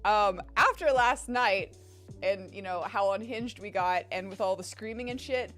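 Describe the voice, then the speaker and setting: Her voice sits in the mid range and comes out a little slow and somewhat bright, though strained and tired, as this young woman streamer rambles casually to viewers and swears freely. There's faint music in the background.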